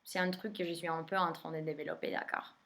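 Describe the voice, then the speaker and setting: A young adult tarot reader from Argentina, a native Spanish speaker, gives a casual spoken video introduction in French with an Argentine Spanish accent and many hesitant fillers. She talks fast in a low, steady voice with vocal fry and a fairly bright tone.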